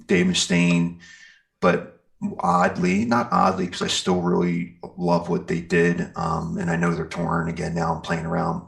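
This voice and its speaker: Interviewed about his work as a metal singer and guitarist, a middle-aged man rambles in a casual, enthusiastic, informal way. Yet his low, gravelly voice is delivered completely flat and a little slow.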